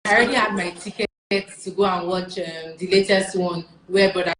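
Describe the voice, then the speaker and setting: A woman's voice: lowish voice, steady tone, brisk, a bit bright. A woman co-host chatting enthusiastically in a casual online interview. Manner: chatty, enthusiastic fan talk. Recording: echoey room with faint noise.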